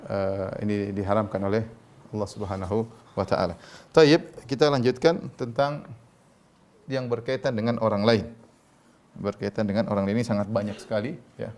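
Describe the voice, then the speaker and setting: A man's voice: on the low side, flat delivery, moderate pace, darkish tone. Man preaching with emphatic rises. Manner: conversational, frequent "ya" tags, rising emphatic peaks. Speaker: Islamic preacher. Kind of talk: sermon lecture.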